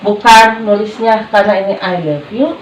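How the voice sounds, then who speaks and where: A woman's voice: medium pitch, steady tone, moderate pace, recorded from a distance. A woman teaching a class, patiently quizzing her listeners with questions. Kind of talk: classroom explanation. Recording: echoey room with background noise.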